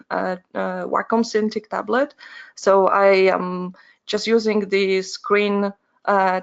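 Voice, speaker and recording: A woman walks listeners through her painting process in a webinar, speaking at a middle pitch. She explains things slowly and carefully, pausing to find her words. The sound is dull and lo-fi, like online meeting audio. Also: vocal fry. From Poland. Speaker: concept artist giving a webinar. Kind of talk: webinar presentation.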